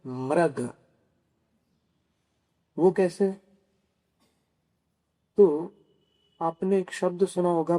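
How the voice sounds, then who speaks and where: Monk preaching, male, unhurried and mellow, questions then answers, careful over pronunciation. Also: fairly high pitch. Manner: slow, teaching, poses questions to listeners and answers them. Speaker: Jain monk giving a scripture discourse. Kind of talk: sermon. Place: Kolhapur.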